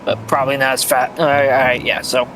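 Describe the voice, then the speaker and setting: Halting man thinking out loud. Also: medium pitch, flat delivery, music in the background, poor audio. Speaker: player. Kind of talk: casual tabletop game chat.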